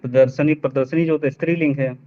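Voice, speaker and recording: A man student reciting answers in an online class, halting and hesitant, often repeating words. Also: fairly high pitch, steady tone. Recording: tinny phone-like call audio.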